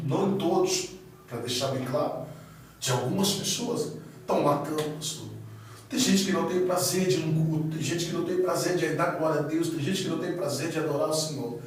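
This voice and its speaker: A man giving a casual spoken testimony as a guest, animated storytelling that acts out quoted dialogue. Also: sits high. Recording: echoey room, far from mic, faint noise.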